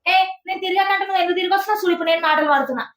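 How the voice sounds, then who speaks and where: A woman whose voice sits very high as she scolds and complains in rapid bursts. The sound is roomy and a little distant from the mic, with a faint hiss underneath. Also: fairly bright tone. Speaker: vlogger, wife in a family prank video. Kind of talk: casual family vlog argument. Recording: echoey room, mic off at a distance, faint noise.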